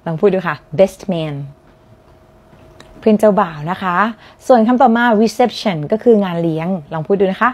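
A woman with a Thai accent teaching English vocabulary, friendly, saying each word slowly for the viewer to repeat. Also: mid-range voice, darkish tone. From Thailand. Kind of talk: lesson on vocabulary.

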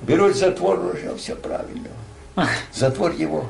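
A man's voice: sits high, moderate pace, gravelly, crowd noise. An older man telling a war story like a grandpa, rambling and colloquial, acting out dialogue. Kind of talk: casual oral war storytelling.

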